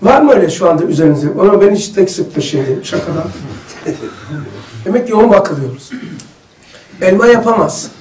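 A man's voice: sits high, animated, a little fast, pauses often, noisy background. A man leading a casual religious study group, telling stories and asking the group questions. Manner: chatty, storytelling, asks the group questions. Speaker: religious study circle leader. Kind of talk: casual religious lesson with anecdotes. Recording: echoey room, mic far off.

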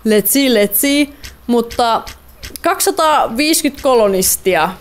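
A woman's voice: on the high side, lively intonation. A young woman giving playful, chatty let's-play commentary, repeating words and mixing in English phrases. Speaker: gaming YouTuber.

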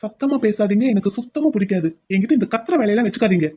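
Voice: mid-range voice, lively intonation, very fast, dark tone, slightly rough. A voice actor playing an insistent, pleading young man in a cartoon. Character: brash young man pining for his brother's sweetheart.

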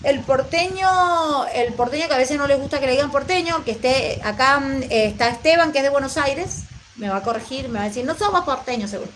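A woman's voice: sits high, fast talker, a bit bright, slight background noise, poor audio. Chatty Argentine woman on a livestream. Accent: Mendoza Argentine Spanish. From Mendoza, Argentina. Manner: chatty, affectionate, rambling with fillers. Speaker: vlogger reading live chat. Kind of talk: live stream chat.

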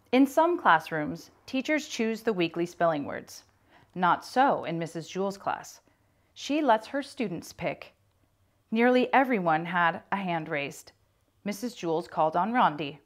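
A woman reading a children's chapter book aloud with clear, expressive storytelling. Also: fairly low pitch, a little slow.

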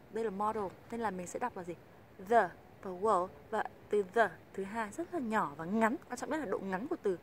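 A woman from Vietnam teaching English pronunciation in a video lesson, patiently explaining and slowly modeling example sentences. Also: medium pitch, slight background noise, poor audio. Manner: patient, repeats example phrases slowly and clearly.

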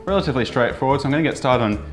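A young man narrates a hands-on demonstration in a casual vlog style. He talks quickly at an ordinary, fairly low-to-middle pitch. Music runs behind his voice. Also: lively intonation. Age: young adult. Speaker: vlogger demonstrating a painting tutorial.

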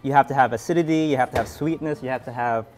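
Young male home cook, loose rambling chat, ordinary pitch, lots of uh and like. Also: fast talker, faint music behind. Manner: relaxed, rambling, filler-heavy. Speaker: home cook hosting a dinner party. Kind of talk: casual documentary talk.

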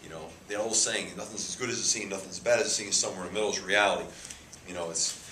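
Here a low-voiced man races along with a sharp tone and fairly even intonation. He's a fifty-something head football coach answering reporters, emphatic, with repeated words and gestures. The echoey press room has a sponsor backdrop, a table mic cluster picks him up, and faint hiss runs underneath.

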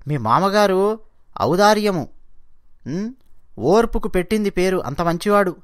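A stern, proud mother scolds her son in a storyteller's tale, as a man puts her on. The voice sits high and sounds dry and close, with a lecturing push on each line. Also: expressive, measured pace, no echo. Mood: scolding.

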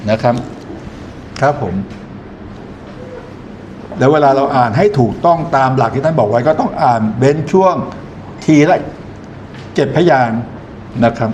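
A man's voice: medium pitch, animated, a little slow, pauses often, darkish tone, a little hiss or hum. A man lecturing in an explanatory way, often posing questions to his listeners and then answering them himself. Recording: echoey room, faint ambience.

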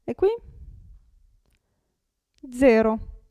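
A young woman with an Italian accent teaching Italian pronunciation, saying each word slowly and carefully and repeating it. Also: fairly high pitch, animated, warm tone, smooth, no echo, clean studio sound. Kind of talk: pronunciation lesson.

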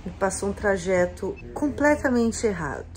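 A woman's voice: medium pitch, expressive, moderate pace, a little mellow, slight background noise. A Brazilian woman with a Brazilian Portuguese accent, vlogging casually to a handheld camera outdoors in a playful, dramatic, exclaiming way. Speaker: family vlogger. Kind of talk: casual vlog talking to camera. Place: outdoors by the water and streets.

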